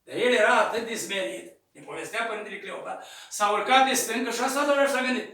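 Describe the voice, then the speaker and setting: Male priest, high bright voice, storytelling sermon, roomy echo, mic off at a distance. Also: creaky. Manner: acts out voices in the story, shouting at peaks. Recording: echoey room, distant mic.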